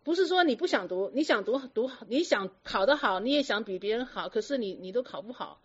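Higher-voiced woman lecturing with questions. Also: fairly quick, slightly rough. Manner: lively, lecturing, rhetorical questions. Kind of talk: storytelling talk to an audience. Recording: dull lo-fi recording.

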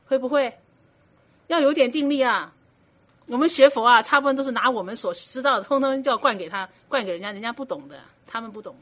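A woman's slightly high, a bit bright voice moves at a quick pace as she gives a Buddhist dharma talk. As a teacher, she instructs firmly and conversationally, asking her students rhetorical questions along the way; the recording is muffled lo-fi.

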